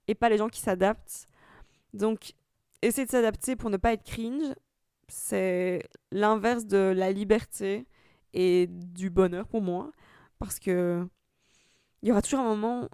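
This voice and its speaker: Chatty young woman, smooth dry voice. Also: medium pitch, darkish tone, no room sound. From Italy. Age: 20s. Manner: chatty, reflective, sprinkled with slang. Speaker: podcast host. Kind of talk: casual solo podcast monologue.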